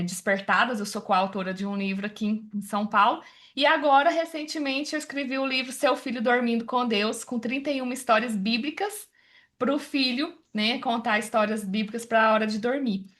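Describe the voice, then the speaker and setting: A woman's voice: fairly high pitch, moderate pace. A woman in her forties from the interior of Goiás, chattily introducing herself on a video call and often adding "né". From interior of Goiás, Brazil. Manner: chatty, warm, religious, many fillers like "né". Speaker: workshop participant.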